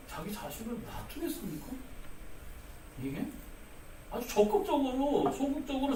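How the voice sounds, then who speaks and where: A man's voice: sits high, darkish tone, slight background noise. A male pastor delivering an emphatic sermon, calling out to the congregation again and again and acting out quoted voices. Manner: emphatic, repeats "여러분" often, acts out quoted voices. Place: church sanctuary. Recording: echoey sanctuary, mic at a distance.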